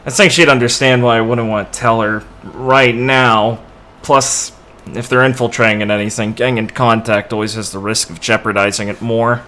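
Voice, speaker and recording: A man's voice: medium pitch, steady tone, moderate pace, pushed and bright, natural voice. A man voicing a young woman who leads her crew, speaking in character in his own voice, thoughtful and a little wry. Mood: reflective.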